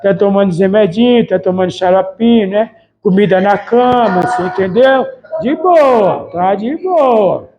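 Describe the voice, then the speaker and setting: A man's voice: high-pitched, a little slow, muffled recording, background noise. A man preaching a casual, colloquial sermon as a pastor, chatting and acting out everyday speech. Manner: colloquial, chatty, mimics family members' voices. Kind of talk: informal sermon.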